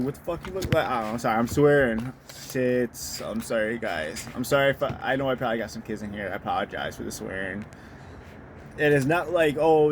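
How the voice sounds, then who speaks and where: A man vlogging outdoors near a storage facility, chatting casually in a rambling, filler-heavy way, swearing and then apologizing. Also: mid-range voice. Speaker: dad vlogger. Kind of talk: casual chat to camera. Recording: outdoor street noise with passing vehicles.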